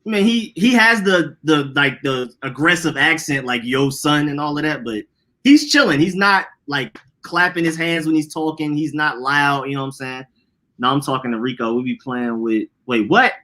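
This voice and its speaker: On a podcast, a young male co-host with an Atlanta accent spins loose, slangy, meandering tales during casual talk. He has a fairly high, sharp-toned voice and a normal pace.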